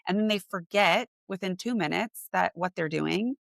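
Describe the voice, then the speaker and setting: A woman in her forties, a portrait photographer, talking in a casual interview and lively acting out her clients' excited reactions. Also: lowish voice, moderate pace, gravelly, no echo, clean studio sound.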